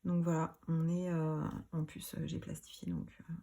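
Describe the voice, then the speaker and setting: A woman in casual show-and-tell, chatty and rambling, with many fillers, self-corrections and quiet muttered asides. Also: deep voice, flat delivery, normal speed, creaky. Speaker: craft YouTuber.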